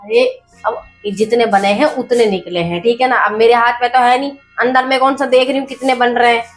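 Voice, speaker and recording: A woman's voice: on the high side, steady tone, fairly quick, soft background music. A woman acting a sassy, bantering wife in a comedy sketch. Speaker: comic actress.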